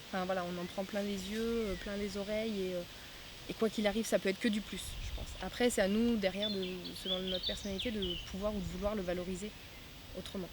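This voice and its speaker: A woman's voice: mid-range voice, noisy background. A woman in her twenties, a festival volunteer, answering interview questions casually with many hesitant fillers. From France. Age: 20s.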